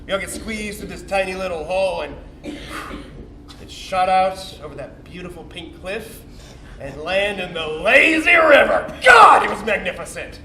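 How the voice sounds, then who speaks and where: Sounding excited and awed, a man with a steady, high-sitting voice delivers a lightly acted, normal-paced stage monologue in the role of a young sperm cell, cocky and bitter, who talks like a defensive, slangy bro who swears. It's comic, confessional storytelling for the audience, captured distantly in a roomy theatre with faint noise.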